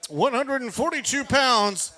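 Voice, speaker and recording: High-pitched, piercing male fight announcer. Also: expressive. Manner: showy fight announcer delivery with drawn-out shouted names. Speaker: ring announcer. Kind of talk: boxing weigh-in announcing.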